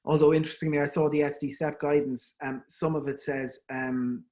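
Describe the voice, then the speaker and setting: A man's voice: fairly high pitch, little pitch movement, fairly quick, darkish tone. Irish male dental specialist, chatty lecture delivery, tenor-leaning voice, lots of ums. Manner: conversational, frequent ums and restarts. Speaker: endodontist giving an online talk. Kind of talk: informal webinar lecture.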